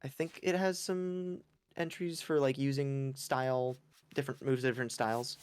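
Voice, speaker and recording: A man's voice: medium pitch, steady tone, normal speed, clean tone. A man streaming a game, chatting casually, rambling and yawny, making fun of himself. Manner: rambling, self-mocking, yawny. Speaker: gaming streamer. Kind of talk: casual chat over gameplay.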